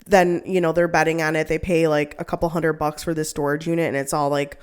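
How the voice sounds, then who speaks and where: This young female co-host speaks fairly quickly in a smooth, low-pitched voice with a level tone. She rambles through the casual chat, leans heavily on "like," and laughs a lot.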